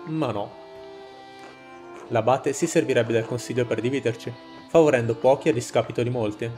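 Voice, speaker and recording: Guy reading angry peasant leader giving a solemn speech to villagers, game dialogue, soft music behind. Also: medium pitch, normal speed, lightly acted. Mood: indignant. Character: indignant male peasant leader rousing a village crowd. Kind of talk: game dialogue read aloud.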